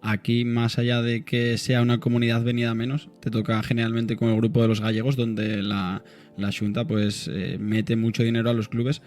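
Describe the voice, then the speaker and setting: Asturian guy co-interviewing, flat monotone, winding questions. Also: medium pitch, moderate pace, soft background music.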